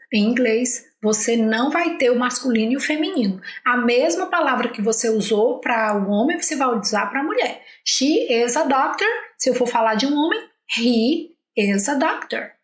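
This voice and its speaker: A woman with a Brazilian Portuguese accent teaching an English lesson, patiently explaining and repeating model phrases slowly. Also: a little high, lively intonation, roomy sound. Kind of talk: language lesson with slow model sentences.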